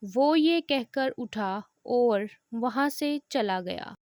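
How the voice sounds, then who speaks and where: एक महिला audio novel की कहानी शांत और नपे-तुले अंदाज़ में सुनाती है। उसकी आवाज़ थोड़ी ऊँची है और बोली बहुत धीमी। रिकॉर्डिंग माइक के पास और बिल्कुल सूखी है।. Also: female voice, on the high side, no room sound, clean studio sound. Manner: calm, measured storytelling. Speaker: audio novel narrator. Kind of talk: scripted narration of a romance novel.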